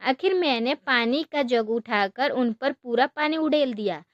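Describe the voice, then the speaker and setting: A woman narrating a first-person love story in an expressive, conversational way. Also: high-pitched, measured pace, dry recording, highs cut off.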